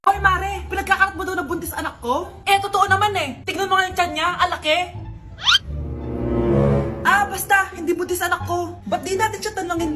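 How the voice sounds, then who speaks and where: A woman performing a comedy skit, switching quickly between characters with exaggerated outbursts. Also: very high voice. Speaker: skit creator playing many roles. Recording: echoey room with music behind.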